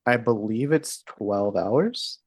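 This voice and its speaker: Relaxed hesitant woman in her thirties. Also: extremely low pitch, slow pace, breathy edge, no echo. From Texas. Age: 30s. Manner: relaxed, hesitant, with fillers and laughs. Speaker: podcast co-host. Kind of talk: casual chat.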